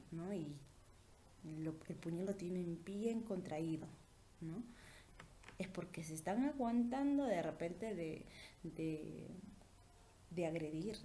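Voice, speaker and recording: Woman teacher, mellow tone, lively questioning delivery, faint room noise. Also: medium pitch. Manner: rhetorical questions with tag "¿no?"; lively rising and falling emphasis. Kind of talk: online class lesson.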